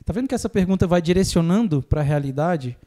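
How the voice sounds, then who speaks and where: A man's voice: animated, quick pace, mellow. A man hosting a podcast, explaining therapy ideas in a casual chat and acting out clients' lines. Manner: acts out clients' lines in a higher voice, laughs easily. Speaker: podcast host, phobia therapist.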